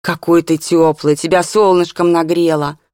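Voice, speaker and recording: An audiobook reader voicing a lively, playful young girl. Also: mid-range voice, normal speed, smooth, no room sound, clean studio sound, lightly acted.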